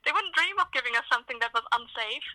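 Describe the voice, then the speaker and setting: A woman playing a hurried, upbeat young heroine who calls her sister and is heard through a phone on speaker. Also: sits high, lively intonation, bright, forceful tone, dry recording, heavily acted, rough recording. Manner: rushed, breezy, brushing off worry. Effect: heard over a phone speaker. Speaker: caller.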